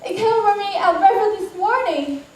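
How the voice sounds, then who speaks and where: Woman acting a fretful scolding mother, stage play, very high voice, roomy hall, music behind. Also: animated, normal speed. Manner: worried, scolding. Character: fretful middle-aged mother on her son's wedding day. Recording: echoey hall, far from the mic, music behind.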